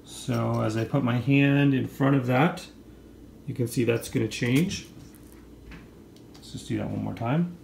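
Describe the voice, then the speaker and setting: This man speaks unhurriedly in a gravelly, darkish mid-range voice, leaving long pauses as he walks through a casual hands-on product demo. He sits at a table indoors, explaining things informally, with a roomy sound and faint noise behind him.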